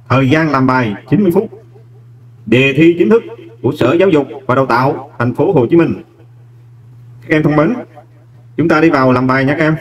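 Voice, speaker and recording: Speaking kindly and directly to his students, a teacher walks them through an English exam step by step, warmly calling them "các em." His voice is a little high, and the rough recording was made from a distance.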